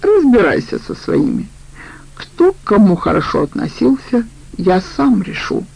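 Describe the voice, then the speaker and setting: A woman's voice: medium pitch, sing-song, measured pace, creaky, darkish tone, slightly rough, pitched above the performer's own voice, heavily acted, rough recording. A woman voicing a curt, guarded male criminal in a storybook reading. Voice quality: curt, brusque.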